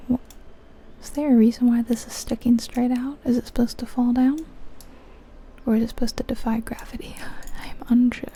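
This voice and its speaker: A woman hosting an ASMR video whispers softly in a breathy, unvoiced way while casually commenting on a game. Her voice sits a little high with a steady tone, moving at a moderate pace in a gentle, chatty, musing manner.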